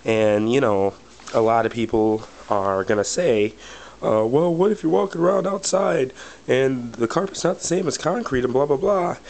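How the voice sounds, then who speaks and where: Heard over poor audio, this man speaks in a mid-range, slightly mellow voice at a moderate pace, slightly cracky from a bad cold. His casual product review wanders, packed with fillers such as "but anyway" and "or whatever."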